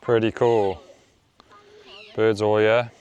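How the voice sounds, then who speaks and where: A man's voice: lowish voice, level tone, slow pace, darkish tone, clear, resonant tone, lo-fi sound. A man with a South African accent, a travel vlogger chatting casually outdoors. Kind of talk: casual vlog chat. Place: outdoors at a safari camp and waterholes.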